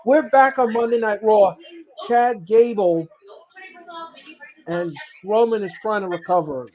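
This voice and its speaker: A man co-hosting a live wrestling watch-along, chatting in a halting way and often repeating his phrases. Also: sits high. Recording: dull lo-fi online stream audio.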